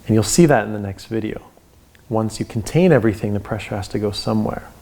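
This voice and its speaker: Calm yoga teacher guy, lowish gravelly voice, talking you thru breathing step by step w pauses. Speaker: yoga instructor. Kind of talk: guided breathing instruction.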